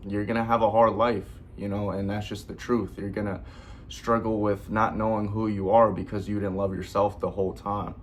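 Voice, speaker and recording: A man's voice: fairly low pitch, slight background noise. A young man vlogging in a casual, earnest, rambling way, full of slang and repeated fillers. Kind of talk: casual heartfelt vlog talk.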